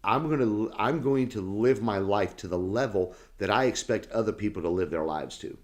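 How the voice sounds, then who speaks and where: A man's voice: lowish voice, moderate pace. A man who is a senior pastor, talking earnestly and casually in a devotional chat. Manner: earnest, lesson-drawing talk.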